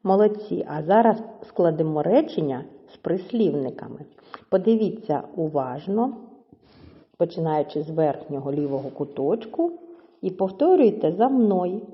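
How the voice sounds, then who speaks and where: A woman teacher giving a slow, clear lesson to children, stretching words out syllable by syllable. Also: lowish voice, big pitch swings. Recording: dull audio with long reverb.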